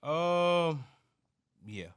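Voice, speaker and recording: A man's voice: a little high, lively intonation, drawn-out words, clean tone. A man, a record label founder speaking as an interview guest in blunt street slang, often repeating himself. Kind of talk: casual interview talk.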